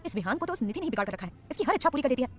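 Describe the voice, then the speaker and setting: Woman doing a firm scolding mom in her forties, fast talker, faint music. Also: high-pitched, very animated. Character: scolding, proud mother of about 45.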